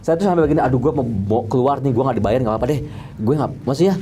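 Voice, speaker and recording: Very fast and expressive, the Depok makeup artist speaks with a mid-range, dark-toned voice. Telling an interview story in casual slang, he brings it to life by acting out "tek, tek" tapping sounds.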